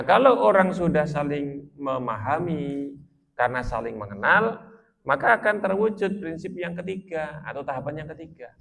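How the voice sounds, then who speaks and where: Gravelly Central Javanese preacher. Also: male voice, mid-range voice, fairly bright tone. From Magelang, Central Java. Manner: chatty, joking, asks the audience questions. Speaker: Islamic preacher. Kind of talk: sermon to a village gathering.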